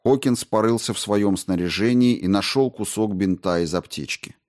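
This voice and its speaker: A man narrating an audiobook in a measured, even storytelling manner. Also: fairly low pitch. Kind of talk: scripted narration.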